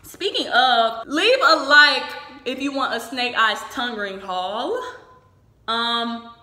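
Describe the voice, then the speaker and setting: A woman's voice: fairly high pitch, lively intonation, slow pace, pushed and bright. A woman chatting informally and frankly, giving casual advice as a vlogger. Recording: echoey room.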